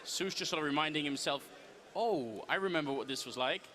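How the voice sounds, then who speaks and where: A man's voice: fairly high pitch, a little fast, sharp tone. A man giving live esports commentary as a caster.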